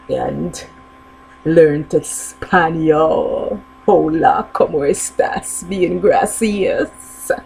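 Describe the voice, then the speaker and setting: A woman telling a funny story, slow and drawn out, with chuckles along the way. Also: lowish voice, darkish tone, slight background noise, low-quality recording. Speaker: joke teller.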